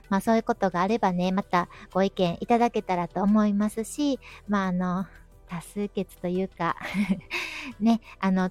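Give the voice of a woman with a Kansai accent, pitched in the middle range. She hosts a podcast in a casual yet polite way, blending regional speech with more standard intonation. Music plays along with her voice. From Kyoto, Japan. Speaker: host of a travel podcast. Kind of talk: casual but polite solo podcast talk.

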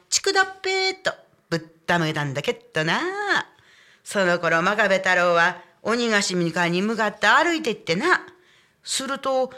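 A woman with an Ibaraki dialect tells an old folk tale on a radio show, her voice bright and sharp. She swings widely up and down as she shifts between narrator and characters. Afterward she chats with the host in the same lively way. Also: medium pitch. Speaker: guest storyteller. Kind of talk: folk tale telling in dialect, then casual chat.

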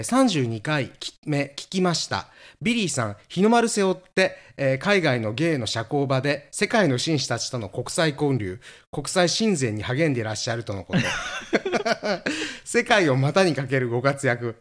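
Casual chat, camp playful middle-aged guy, pitch jumps all over. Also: moderate pace. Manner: camp, playful storytelling with animated swings. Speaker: podcast co-host.

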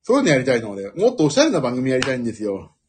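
A man's voice: medium pitch, wildly swooping pitch, racing, a little mellow, slight background noise. A man hosting a casual solo talk show, rambling from one thought to the next and laughing at his own jokes. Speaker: podcast host.

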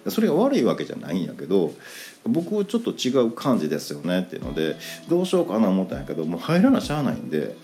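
A man with a Kansai accent telling a story in a casual, animated podcast monologue, acting out the quoted lines. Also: sits low, racing. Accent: Kansai Japanese. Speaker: podcast host.

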